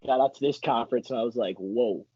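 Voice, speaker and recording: A man's voice: medium pitch, racing, slightly rough, no room sound, highs cut off. A young man from Michigan, a college wrestler guest, telling stories animatedly in a casual interview, full of "like" fillers. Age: young adult. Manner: animated, acts out quotes, many "like" fillers.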